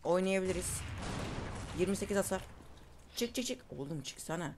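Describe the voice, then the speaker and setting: A young man giving casual, excitable commentary over his own gameplay, calling out moves to his viewers. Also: high voice, normal speed. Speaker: gaming YouTuber. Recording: faint game noise and gunfire behind.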